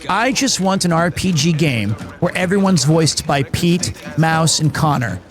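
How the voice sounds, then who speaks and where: Male game streamer, lively and high-voiced, casual and playful, performative chat. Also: unhurried, faint music behind. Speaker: streamer and voice actor.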